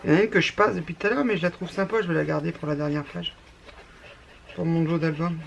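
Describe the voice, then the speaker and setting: A scrapbooking YouTuber from northern France, with a ch'ti accent, chats through a casual craft tutorial, rambling and restarting often. Her voice is lowish and gravelly with fairly even intonation and a quick pace, over slight background noise.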